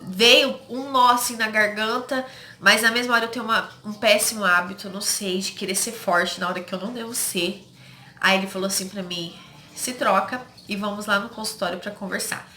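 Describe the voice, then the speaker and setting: A woman's voice: medium pitch, fairly even intonation, fairly quick, pushed and bright. A woman from Brazil telling viewers a personal story in a casual, emotional way, often calling them "gente" and quoting what others said. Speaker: vlogger. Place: home. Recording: echoey home room with faint noise.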